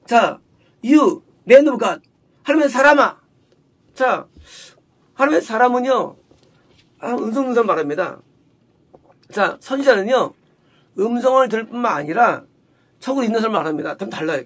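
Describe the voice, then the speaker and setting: This is a male preacher expounding scripture in sermon style. His voice sits high and has a breathy, husky grain. He poses rhetorical questions and answers them himself, and he voices quoted characters with a lifted, sharper tone. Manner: acts out the quoted woman in a raised, sharp voice. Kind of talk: sermon, Bible exposition.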